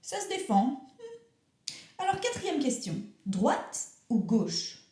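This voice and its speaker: A woman's voice: high voice, very animated, slow pace, dark tone, reverberant, heavily acted. A woman playing an earnest young radio interviewer who asks questions in a mock-formal, teasing way in a comic radio sketch.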